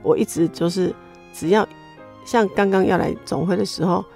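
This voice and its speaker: Speaking at a moderate pace with vocal fry, this middle-aged woman's low-leaning voice carries a Taiwanese Mandarin accent. As an interview guest, she tells her faith testimony in animated fashion, full of exclamations, with faint music behind her.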